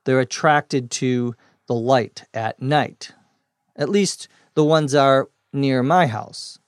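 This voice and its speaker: A man's voice: mid-range voice, slow pace, no room sound, clean studio sound. A man teaching English vocabulary, explaining words plainly and spelling them out letter by letter. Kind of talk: slow scripted vocabulary lesson.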